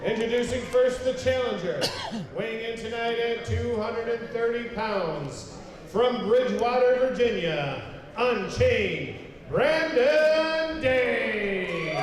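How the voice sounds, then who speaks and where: A man working as a wrestling ring announcer, formally introducing fighters with drawn-out delivery in the manner of a boxing announcer. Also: extremely high pitch. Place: indoor event hall. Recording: echoey hall PA with crowd.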